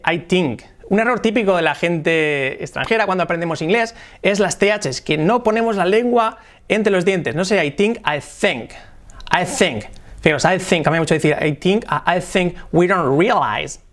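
A man with a Spain Spanish accent teaches English pronunciation in a video lesson. His voice sits a little high for a man, and he slows down to model English phrases. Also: a bit bright. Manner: explanatory, demonstrates English phrases slowly.

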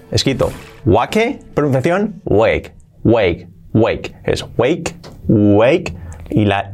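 A man, hosting a podcast as an English teacher in a casual lesson, who drills words by slow repetition and adds chatty asides. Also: medium pitch.

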